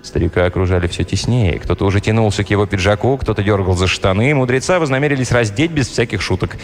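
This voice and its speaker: A man narrating an audiobook in a lively, playful storytelling manner. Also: on the low side, fast talker, soft background music.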